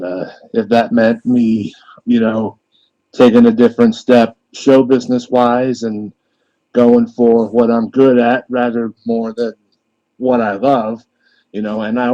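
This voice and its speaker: A man calling in to a podcast over the phone, speaking haltingly with many fillers. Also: medium pitch, mellow. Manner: halting, lots of uh and you know. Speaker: caller. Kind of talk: phone-in chat. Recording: dull phone line.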